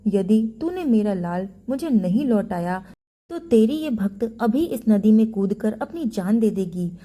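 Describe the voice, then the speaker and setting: A woman storyteller voicing a devout old mother, gentle with her family and imploring in prayer. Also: mid-range voice, animated, measured pace. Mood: desperate pleading. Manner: pleading, imploring.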